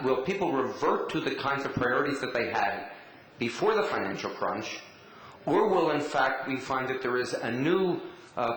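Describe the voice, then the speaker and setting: A man on a conference panel, answering questions in a measured, explanatory way. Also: mid-range voice, a bit bright. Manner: measured, explanatory, some restarts. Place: conference hall. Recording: very echoey conference hall.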